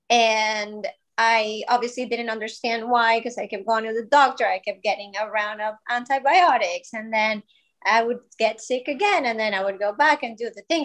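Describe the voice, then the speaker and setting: A Colombian woman in her thirties, with a slightly high, somewhat bright voice, appears as a podcast guest. She founded a wellness brand and tells her personal story in the interview in a chatty, grateful way, with many fillers.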